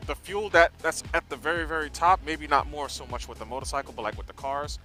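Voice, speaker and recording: Male American motovlogger, bright forward voice, loose digressive ride-along chat heard from inside a helmet, faint music and vehicle behind. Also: fairly high pitch, fairly even intonation, quick pace. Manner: talking from inside a motorcycle helmet while riding. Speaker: motorcycle vlogger. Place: inside a helmet on a moving motorcycle.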